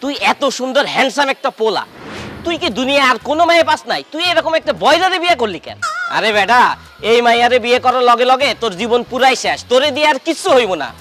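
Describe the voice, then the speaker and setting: An actor playing a mocking young male friend who teases loudly, in a comic drama. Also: very high-pitched, lively intonation, fast talker, faint music behind. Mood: scornful. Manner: teasing, mocking, loud.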